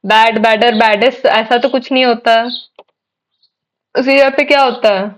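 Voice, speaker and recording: A woman's voice: high voice, steady tone, normal speed, a little hiss or hum, poor audio. A young woman teaching an English grammar lesson online, explaining step by step in a patient way and often checking that students follow. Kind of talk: online exam-prep lesson.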